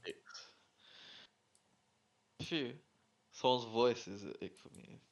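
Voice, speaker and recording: A man's voice: mid-range voice, slow pace. A young man co-hosting a casual podcast chat, laid-back and reluctant, giving short replies. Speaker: podcast co-host. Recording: dull lo-fi sound.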